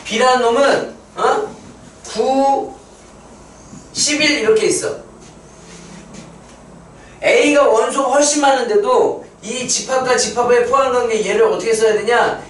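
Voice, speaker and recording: A man's voice: extremely high pitch, steady tone, measured pace, pauses often, slight background noise. A man teaching a math lesson at a board, explaining step by step and quizzing his students with questions. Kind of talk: whiteboard math lecture. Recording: roomy echo, mic set far off.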